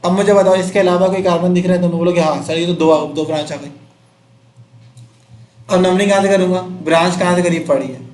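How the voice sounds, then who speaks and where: A man's voice: sits high, fairly even intonation, fast talker, a little mellow, roomy sound. A man teaching chemistry to a class, quizzing students and counting out numbers as he explains.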